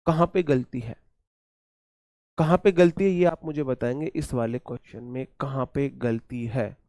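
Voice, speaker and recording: A man's voice: medium pitch, measured pace, a little mellow, no room sound, clean studio sound. A man with an Indian accent teaching an exam-prep English grammar lesson, repeating key points and quizzing his students.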